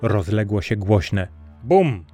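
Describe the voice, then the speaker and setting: Male fairy-tale narrator, mellow and low-pitched, measured delivery. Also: animated, faint music behind. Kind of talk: storybook narration.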